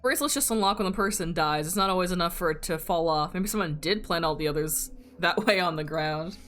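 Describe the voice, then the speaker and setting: A woman streamer giving casual, excitable commentary while playing a game, laughing and swearing often. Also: fairly low pitch, fast talker, faint music behind. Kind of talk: casual let's-play commentary.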